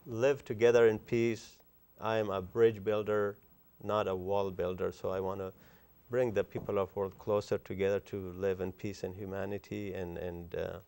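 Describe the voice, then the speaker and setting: A man in his sixties from Afghanistan, a guest author talking earnestly and effusively in an interview, often pausing with fillers. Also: on the low side, gravelly, darkish tone, clean tone. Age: 60s. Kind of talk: interview conversation.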